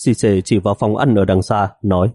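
Low mellow male narrator. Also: fairly even intonation, normal speed, no room sound. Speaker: audiobook narrator. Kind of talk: scripted novel narration.

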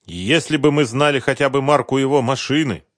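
A man's voice: medium pitch, no echo, voice pushed up, lightly acted. A man voicing a dry, restrained investigator. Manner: dry, measured, holding back anger.

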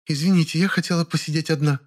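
A man reading an audiobook, voicing a timid downtrodden young woman who pleads softly. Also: a little high, fairly even intonation, fast talker, voice pushed up, close to an everyday voice. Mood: cold. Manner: pleading, soft and shrinking.

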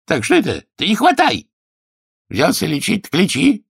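A man's voice: sits high, wildly swooping pitch, normal speed, creaky, husky, no echo, studio quality, voice pushed up, exaggerated voice. A whiny nasal petulant old king. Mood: querulous. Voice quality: nasal, whining. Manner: querulous, bossy, shouting demands.

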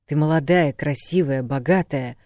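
Audiobook werewolf, wry and gentle, low-key, dry close read, a man doing him. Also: normal speed, no echo, lightly acted. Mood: calm. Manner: dry, self-mocking, soft. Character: calm adult male werewolf, wry and gentle. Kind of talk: audiobook reading.

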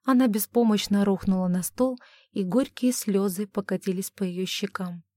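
A woman reading a romance novel aloud as an audiobook narrator, measured and even. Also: mid-range voice, no echo.

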